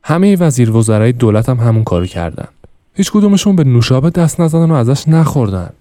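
A male narrator voicing a boy who calmly recounts events, telling the story in a steady voice in an audiobook. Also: mid-range voice, no room sound, pitched above the performer's own voice, lightly acted. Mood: recounting.

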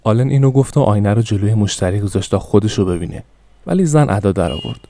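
Low calm male audiobook narrator. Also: vocal fry, a little hiss or hum. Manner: calm, measured storytelling. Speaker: podcast narrator.

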